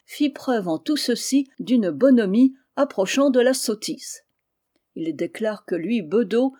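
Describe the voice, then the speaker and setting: Mellow-voiced woman reading a classic tale. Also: medium pitch. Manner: measured, expressive storytelling. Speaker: audiobook reader. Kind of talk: scripted narration of a classic tale.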